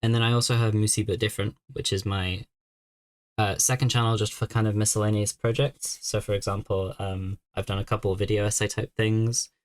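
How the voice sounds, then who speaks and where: A man's voice: fairly low pitch, flat delivery, fairly quick. A young man streaming a game, chatting casually and thinking aloud as he works through a puzzle. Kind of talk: casual live-stream chat.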